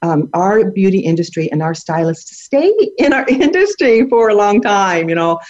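A woman's voice: mid-range voice, sing-song, moderate pace, darkish tone. A middle-aged woman answering as an interview guest, upbeat and laughing lightly as she talks. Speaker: guest, hair educator. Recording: dull lo-fi audio.

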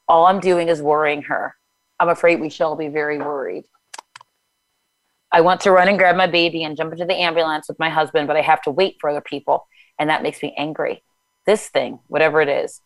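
A woman's voice: deep voice, no room sound, poor audio. A woman reading her own first-person memoir aloud, then talking it over in chatty conversation full of fillers. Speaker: author and guest.

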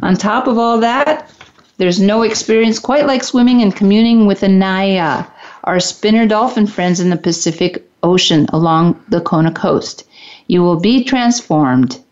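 A woman's voice: medium pitch, a little slow, darkish tone. Upbeat woman reading a radio promo. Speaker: radio show co-host. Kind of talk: reading an event announcement. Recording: dull lo-fi radio sound.

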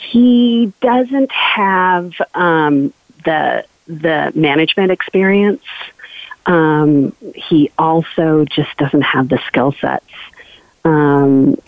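A woman's voice: sits low, very slow, no echo. A woman calling in to a radio show over a phone line, asking her question hesitantly with many ums and restarts. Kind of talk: casual call-in question. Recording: tinny dry phone line.

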